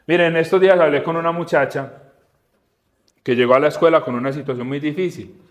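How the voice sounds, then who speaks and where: Man, podcast preacher, animated, questions to listeners, voice a bit high. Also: brisk. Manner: animated, asks the audience questions, acts out dialogue. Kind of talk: conversational Bible teaching.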